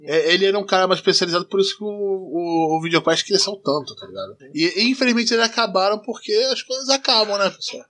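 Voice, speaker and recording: A man's voice: sits high, lively intonation, fast, hardly any pauses, pushed and bright. A Brazilian man with a smoker's voice chatting casually and slangily as a podcast co-host. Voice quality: smoky smoker's voice.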